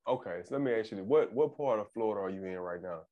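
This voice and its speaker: A man interviewing a guest in a relaxed, casual way, often affirming and repeating himself. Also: lowish voice, fast talker, highs cut off. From Arkansas, US.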